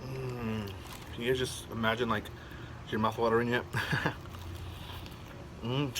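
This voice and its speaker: A man's voice: mid-range voice, flat delivery, normal speed, noisy background. A man chatting casually to camera as a mukbang host while eating crunchy fried chicken, smacking and savoring with little mms.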